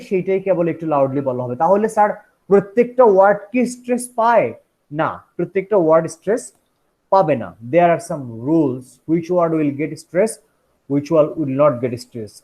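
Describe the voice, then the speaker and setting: A man's voice: high-pitched, expressive, normal speed, dark tone. A man teaching an English phonetics class, switching between Bengali and English and often asking whether the students follow. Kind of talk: classroom lecture.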